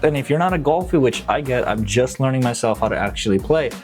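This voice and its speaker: Young male realtor vlogger from Nepal, enthusiastic and slangy, mid pitch, soft music underneath. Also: animated, quick pace. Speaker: real estate agent. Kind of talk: casual promotional vlog.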